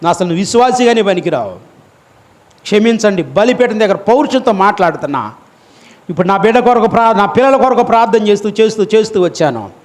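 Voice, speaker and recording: A man preaching a fiery, scolding sermon as pastor, voice climbing to shouts. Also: high voice, expressive, fast talker. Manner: scolding, emotional, rises to shouting; acts out congregation members in quoted asides.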